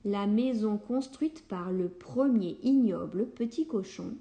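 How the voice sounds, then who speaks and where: A woman reading a children's story aloud in a calm, unhurried way. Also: mid-range voice.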